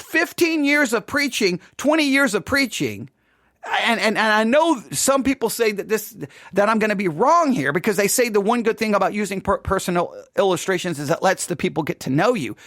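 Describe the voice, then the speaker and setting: A middle-aged pastor with a West Texas twang gives a seated teaching talk at a conference, leaning on emphatic repetition and rhetorical questions. His voice is high and fairly bright, with studio quality and no room sound.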